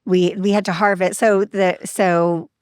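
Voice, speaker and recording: Lower-pitched woman telling a personal story. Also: measured pace, clean tone, no echo, clean studio sound. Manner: open, animated, acts out quoted dialogue. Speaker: podcast guest. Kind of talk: casual storytelling interview.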